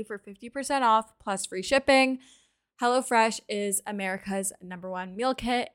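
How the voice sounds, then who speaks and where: A woman in her twenties hosts a solo podcast in a casual, conversational style. She talks directly to listeners and moves between chatting and sponsor reads, at a middle pitch for a woman. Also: fairly bright tone, clear, resonant tone. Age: 20s. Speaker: podcast host.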